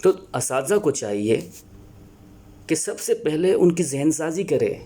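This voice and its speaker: Earnest male teacher, mellow voice. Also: fairly high pitch, very animated. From Pakistan. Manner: earnest, explanatory, with many filler pauses and restarts. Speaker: Urdu teacher. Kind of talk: spoken lecture on teaching Urdu.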